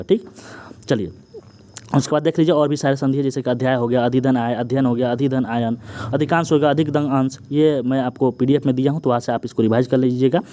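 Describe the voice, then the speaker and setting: A young man teaching an exam-prep Hindi grammar lesson, running quickly through word lists and often checking in with the students. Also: medium pitch, warm tone. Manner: rapid list-reading with frequent "ठीक ना" checks and "Babu" address.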